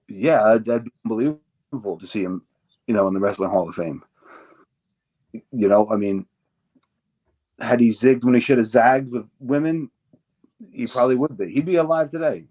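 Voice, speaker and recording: Middle-aged male interview guest, loose storyteller, salty language, medium pitch. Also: normal speed, long pauses, darkish tone, poor audio. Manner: rambling, swears freely, acts out quoted voices. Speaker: interview guest, former wrestler. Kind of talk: casual storytelling.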